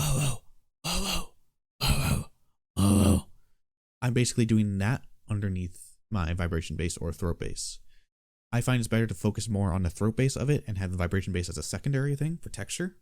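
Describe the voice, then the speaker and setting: Talking through a casual beatbox tutorial, a man with a lowish, gravelly voice sounds relaxed and matter-of-fact, as if showing friends a technique. The recording is close and dry, with no echo.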